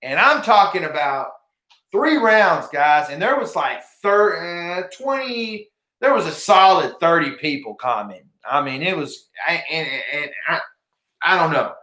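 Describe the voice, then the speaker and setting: This fishing giveaway host has a voice on the high side, animated, pushed and bright, delivered a little slowly. He chats informally on his livestream and tends to repeat himself, with roomy, echoing sound around him.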